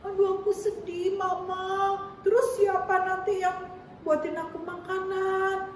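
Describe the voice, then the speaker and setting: A woman's voice: very high voice, level tone, unhurried, pitched above the performer's own voice. A woman voicing a sad little boy who does not want to leave his mother, in a children's Bible story. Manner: whiny, sorrowful, childlike questions. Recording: very echoey room, distant mic, faint noise.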